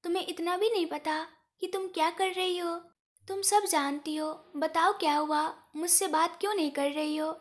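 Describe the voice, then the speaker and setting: A woman's voice: very high voice, fairly even intonation, moderate pace. A woman voicing an angry, possessive young man in a read-aloud story. He asks harsh, demanding questions.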